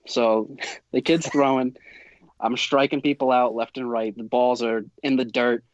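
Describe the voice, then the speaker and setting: A man telling an animated umpiring story in casual talk, laughing as he goes. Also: medium pitch, a little slow, muffled recording. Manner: animated, laughs through his own story.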